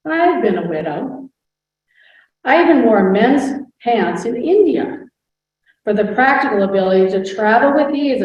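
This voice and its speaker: Here a woman with a mid-range, darkish voice and lightly acted delivery plays a proud, witty noblewoman of the 1800s, narrating grandly in the first person from a script. She's a historical impersonator, captured at a distance in a cavernous, echoing hall, and the sound is dull.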